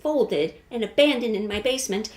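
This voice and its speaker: A sewing video creator chats casually while working on a craft project, poking fun at herself and swearing offhandedly. Her voice is on the high side and moves at a moderate pace.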